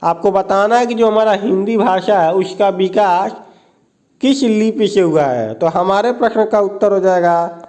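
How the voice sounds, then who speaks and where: A man with a north Indian Hindi accent teaches an exam prep lesson, reading each question and its options. He then repeats the answer back as a question, speaking at a measured pace in a high-pitched, darkish-toned voice.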